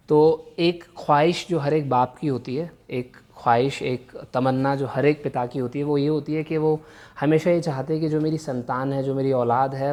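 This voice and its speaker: This bilingual vocabulary lesson comes from a male English teacher whose voice is mid-range and a little mellow. Mixing Hindi with English, he explains unhurriedly and repeats each word carefully.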